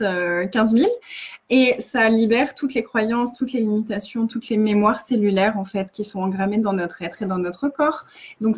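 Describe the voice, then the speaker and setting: A woman's voice: medium pitch, muffled recording. A woman facilitator giving earnest casual coaching in a live video, often restarting and repeating phrases.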